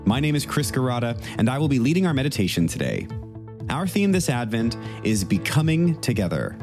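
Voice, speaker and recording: A man, a priest, leading a reflective meditation and reading scripture in a measured, gentle voice. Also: mid-range voice, sing-song. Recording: music playing underneath the voice. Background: soft instrumental music.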